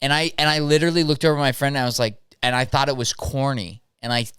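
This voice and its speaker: A man's voice: medium pitch, steady tone, quick pace, fairly bright tone, smooth, no echo, clean studio sound. A young man co-hosting a podcast, telling rambling jokey stories full of like and dude. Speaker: podcast co-host. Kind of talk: casual chat.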